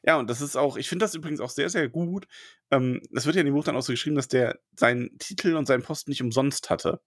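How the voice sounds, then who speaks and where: A man talks casually as a podcast co-host, hesitant and full of fillers and restarts. His voice sits at an ordinary pitch. The recording is dry and close, with no room sound. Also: fast, dry recording. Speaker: podcast co-host discussing a book. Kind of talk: casual chat.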